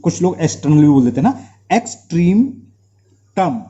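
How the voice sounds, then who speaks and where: A man's voice: a little high, very animated, brisk, mellow, highs cut off. A man with an Indian accent teaching a maths lesson, quizzing the class and repeating terms, with slight trouble speaking from mouth sores. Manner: asks the class rhetorical questions, drills terms by repetition.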